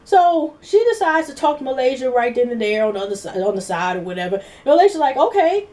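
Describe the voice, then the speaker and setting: A woman's voice: high-pitched, quick pace. A woman vlogger rambling casually through a gossipy TV recap, acting out what people said. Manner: rambling, animated, gossipy retelling. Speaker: YouTube TV reviewer.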